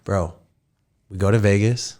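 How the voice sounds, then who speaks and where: Man in his thirties, low voice, lively storyteller, casual podcast chat. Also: a little slow. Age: 30s. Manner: animated storyteller, acts out quotes in raised voices. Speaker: podcast host.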